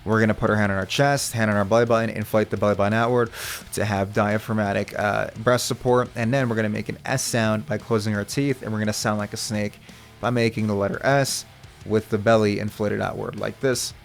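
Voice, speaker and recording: A man's voice: lowish voice, steady tone, brisk, vocal fry, faint music behind. A man working as a vocal coach, explaining technique step by step in a reassuring, instructional way. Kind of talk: instructional video talk.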